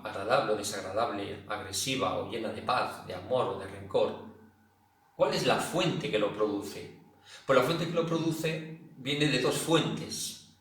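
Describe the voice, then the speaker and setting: A man with an accent from Spain leads a class for older people in a loose, conversational way, circling back to repeat his points. He sounds a little distant from the microphone. Strong room echo hangs around every word. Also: mid-range voice. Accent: Spanish from Spain. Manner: chatty, repeats himself, acts out loud shouting. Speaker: senior exercise instructor. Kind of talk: casual spoken talk to an online class. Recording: very echoey room, voice a bit far from the mic.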